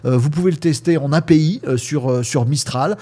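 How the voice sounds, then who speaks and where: A man's voice: on the high side, fairly quick, dark tone. A man from France hosting a casual tech news review, chatty and hesitant with frequent fillers, speaking to viewers as friends.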